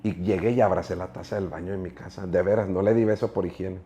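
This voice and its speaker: Man, Mexican accent, middle-aged, low mellow voice, rambling interview storytelling. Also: steady tone, fast, a little hiss or hum. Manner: earnest, rambling, with frequent filler words. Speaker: guest preacher.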